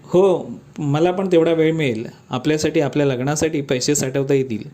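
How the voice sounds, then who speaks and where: A man voicing a gentle, devoted young rickshaw driver who talks in an earnest, reassuring, fond way. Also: on the high side, moderate pace, lightly acted.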